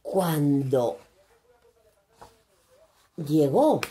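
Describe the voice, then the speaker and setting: A woman from reading a children's story aloud in an expressive, animated way. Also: lowish voice.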